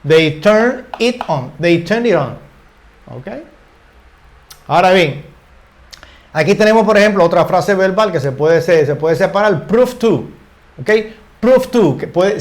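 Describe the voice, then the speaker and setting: An older man giving a relaxed English lesson, often ending phrases with little tag questions and repeating words as he searches for the next one. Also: high-pitched. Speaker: English teacher. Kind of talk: casual spoken grammar lesson.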